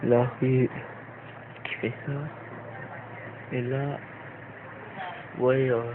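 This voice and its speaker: A man's voice: medium pitch, flat delivery, drawn-out words. A young man from Belgium with a Belgian French accent, giving a rambling, hesitant tour in a casual vlog, full of fillers. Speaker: vlogger. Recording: tinny lo-fi phone-like audio with hiss.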